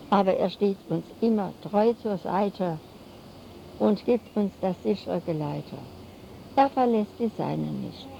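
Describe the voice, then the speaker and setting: An older woman preaching a solemn sermon to a congregation, speaking slowly and weaving rhymes into her phrases. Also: mid-range voice, creaky, mellow. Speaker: lay preacher. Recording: dull lo-fi recording with faint noise.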